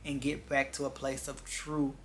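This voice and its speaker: This mid-range, slightly bright voice stays level at a normal speed, with a little hiss or hum in the recording. It's a vlogger in their twenties talking earnestly and reflectively to viewers with background music, confiding and repeating phrases for emphasis.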